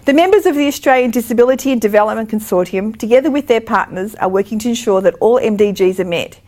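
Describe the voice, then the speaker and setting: A woman giving a scripted narration in a measured, formal way. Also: on the high side, darkish tone.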